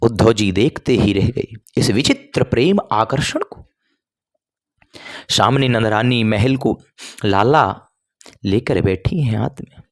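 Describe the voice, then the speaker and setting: A man telling a devotional scripture story in a slow, emotive way. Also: lowish voice, expressive, no room sound, studio quality. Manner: slow, emotive, sung verse asides.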